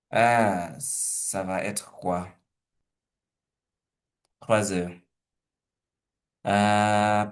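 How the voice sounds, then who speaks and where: Slow-speaking man teaching a webinar. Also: fairly low pitch. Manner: slow, hesitant, thinking aloud with repeated words. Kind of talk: teaching webinar, demonstrating a word game.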